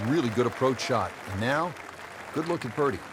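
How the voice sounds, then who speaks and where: A man anchoring live golf commentary in a measured play-by-play delivery. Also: mid-range voice, expressive. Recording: noisy outdoor crowd ambience behind voice. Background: crowd and outdoor ambience.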